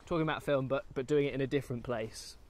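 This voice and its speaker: Walking through woods and across a golf course, a young British co-host of a film vlog talks fast in a mid-range voice. The chat is casual and full of jokes.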